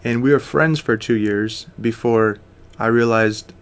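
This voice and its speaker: An unhurried, mid-range voice belongs to this American man in his thirties, who is a missionary guest in an informal interview. His talk is earnest and steady, with frequent fillers.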